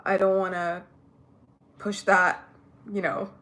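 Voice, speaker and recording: Getting ready on camera, a young Ethiopian woman whose first language isn't English talks candidly with lots of fillers in a casual vlog chat. She takes it slowly, her voice medium-pitched, level in tone and fairly bright.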